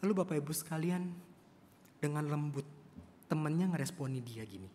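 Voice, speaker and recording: Male preacher telling a story in church, slightly high voice, big hall echo. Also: lively intonation, moderate pace, warm tone, a little hiss or hum. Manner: addresses the congregation often. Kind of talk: sermon storytelling. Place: church service. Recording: long church hall reverb.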